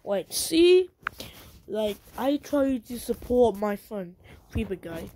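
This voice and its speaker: A woman's voice: mid-range voice, unhurried, dark tone, a little hiss or hum. A woman hosting her own channel, ranting angrily in repetitive slang and swearing a lot. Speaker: channel host. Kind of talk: angry ranting vlog.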